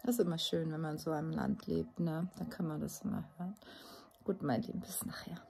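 Chatty german woman vlogging at home in the country, bit of vocal fry, some faint noise behind. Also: sits low, fairly quick, a little mellow. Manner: chatty, many fillers, calls animals, drops to a whisper. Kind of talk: casual vlog monologue. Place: rural house and yard in the country.

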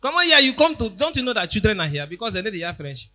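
A man's voice: high voice, very animated, rapid-fire. A young man with a Nigerian accent, hosting a comedy show on stage with a handheld mic, teasing a guest in playful pidgin banter. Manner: teasing, playful, loud bursts. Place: large tented event hall, on stage.

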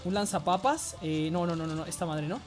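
Mexican guy streaming a shooter, excitable, swears a lot, faint music behind. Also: on the high side, fairly quick. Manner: excitable, swears, frequent yelling. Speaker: game streamer. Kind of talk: live gameplay commentary.

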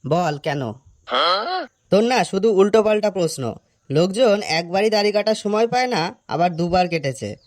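A man's voice: sits high, animated, normal speed, long pauses, darkish tone. Man doing a cheeky cartoon schoolboy. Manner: teasing, scolding. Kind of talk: animated cartoon voice acting.

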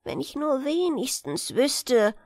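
A woman voicing a tiny doomed beetle, once a star, who laments and pleads in a slow, lively high voice from a bedtime storybook. The sound is close and dry. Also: no echo, exaggerated voice. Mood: mournful. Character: dying little beetle, once a star, male, plaintive.

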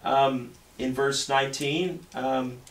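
A man preaching a sermon earnestly, often pausing on fillers and restarting his sentences. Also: mid-range voice, steady tone. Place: church sanctuary. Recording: echoey church room, mic at a distance.

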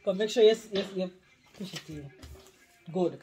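A woman's voice: lowish voice, normal speed, mellow, soft background music. A woman in her thirties with a Jamaican accent, chatting casually and playfully in a challenge game at home. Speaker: couple vlogger playing a challenge game. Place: home room, indoors.

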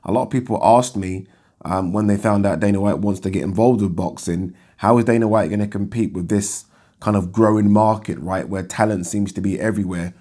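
A man in his thirties with a croaky, just-woken voice, giving casual commentary to camera in a conversational way. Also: on the low side, brisk, mellow. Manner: conversational, rhetorical questions with 'right?' tags. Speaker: boxing talk show host. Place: indoors, small furnished room.

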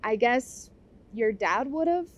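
A blunt young village woman full of doubt, voiced by a woman reading aloud. Her tone is fairly high and her delivery slow. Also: animated. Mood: skeptical.

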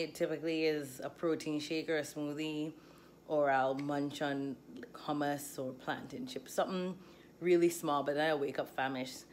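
A woman in her thirties with a Crucian accent from the US Virgin Islands, vlogging casually into a phone held at arm's length. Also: sits low. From St. Croix, US Virgin Islands. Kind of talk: casual vlog chat. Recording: noisy handheld phone recording.

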